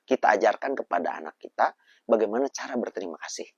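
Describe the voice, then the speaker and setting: A man, a preacher guest telling lively, animated stories about raising children. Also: on the low side, quick pace, slightly rough, no echo, lo-fi sound. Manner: animated storyteller. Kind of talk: casual religious talk.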